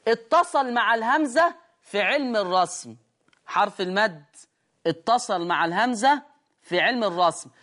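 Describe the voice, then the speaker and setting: A woman with an Egyptian accent teaching tajweed on screen, explaining step by step and asking and answering her own questions. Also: medium pitch. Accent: Egyptian Arabic. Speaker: Quran recitation teacher. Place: studio lesson with a control room.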